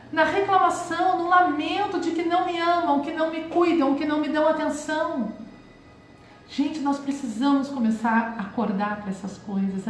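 A Brazilian woman in her forties, hosting a reflective spiritual talk and often calling her listeners "gente". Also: a little high. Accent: Brazilian Portuguese. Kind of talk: live-streamed motivational talk. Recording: very echoey room, faint hiss.

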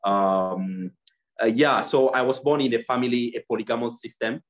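Casting: young man from Cameroon, earnest and halting, video call guest. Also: medium pitch. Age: young adult. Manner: earnest, many fillers and restarts. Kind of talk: interview over video call.

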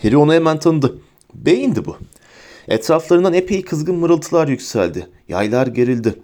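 A man narrating a fantasy story as an audiobook reader, steady and vivid. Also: fairly high pitch, moderate pace. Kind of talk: storybook reading.

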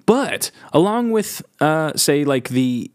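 A man's voice: a little high, very animated, slow pace, no echo, studio quality. A man co-hosting a casual history podcast, joking and laughing often, talking through facts with loose restarts. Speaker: podcast co-host.

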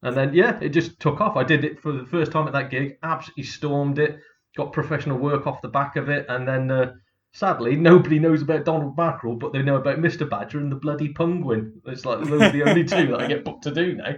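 A man's voice: fairly high pitch, quick pace, dull audio. A man, a comedian, chatting casually and bluntly about his career, swearing freely and laughing through his stories. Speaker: comedian guest. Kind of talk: casual podcast chat.

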